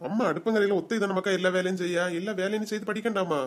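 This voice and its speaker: An actor voicing a gentle, doting middle-aged father in a cartoon comedy, with a Kanyakumari Tamil accent and a coaxing, soothing way of talking. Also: mid-range voice, steady tone, very fast, close to an everyday voice.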